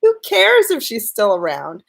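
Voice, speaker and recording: Live streaming with a slight cold that throws her voice off a bit, a woman coaching on relationships and the law of attraction speaks earnestly and directly to the listener, leaning on key words. Her voice is a little high and slow, with wildly swooping pitch and vocal fry.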